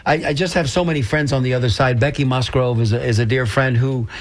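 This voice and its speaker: A man's voice: mid-range voice, fairly even intonation, fast talker. Older male radio co-host, folksy and jokey, casual chat. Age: 60s. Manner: folksy, joking banter.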